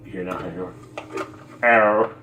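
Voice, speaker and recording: A woman's voice: very deep voice, steady tone, moderate pace, narrow, tinny audio, slight background noise. A woman narrating a tabletop game as its game master, loose and casual. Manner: loose, casual, swears and laughs.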